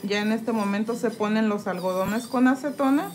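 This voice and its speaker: Chatty woman with a slightly high voice. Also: moderate pace, a little mellow, slight background noise. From Mexico. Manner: chatty, reads viewer comments aloud and greets them while working. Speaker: nail tech streamer. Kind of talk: casual live-stream chat. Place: indoors at a nail desk.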